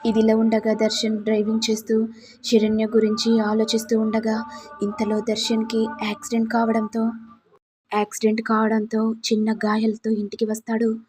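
A woman's voice: a little high, monotone, moderate pace, a little mellow, slight background noise. A woman narrating a recap of a family serial in plain storytelling.

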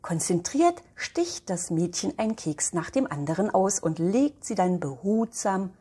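An older woman, a grandmother, reading a children's book aloud in a soft, often whispery storytelling voice. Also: mid-range voice, animated, unhurried, slightly rough.

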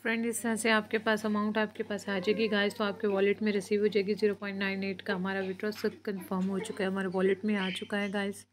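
Flat-voiced woman walking through an app. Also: mid-range voice, fast talker, hardly any pauses. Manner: flat, repetitive, with frequent fillers like guys and friends. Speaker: YouTube channel host. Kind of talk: screen-recorded app walkthrough.

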